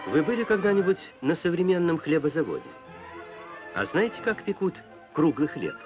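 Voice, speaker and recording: A man's voice: fairly high pitch, sing-song, moderate pace, lo-fi sound, music in the background. A man narrating a 1960s newsreel in a solemn, declamatory tone, on an old film soundtrack.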